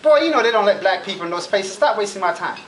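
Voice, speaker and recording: A man's voice: high voice, animated, quick pace, echoey room, pitched below the performer's own voice. A man briefly quoting a stern, dismissive woman guidance counselor in his speech.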